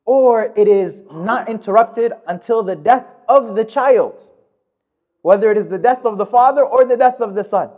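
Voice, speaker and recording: A man in his thirties delivering a Friday sermon in a mosque, speaking at a podium microphone in a measured, emphatic way. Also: high voice, a little mellow, dull audio. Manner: measured, emphatic delivery with fast recited Arabic verses. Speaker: khutbah speaker. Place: mosque prayer hall, indoors. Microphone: gooseneck podium mic.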